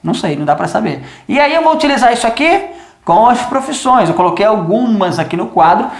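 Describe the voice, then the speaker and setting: A man's voice: high-pitched, big pitch swings, brisk, gravelly. A man teaching a grammar lesson at a whiteboard, patiently repeating examples and often checking that students follow. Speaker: English teacher. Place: room with a whiteboard. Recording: echoey room.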